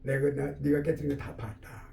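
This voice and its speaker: A man voicing a loving father who comforts his son in soft, hushed words, in an echoey room away from the mic. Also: high-pitched, fairly quick. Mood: quiet.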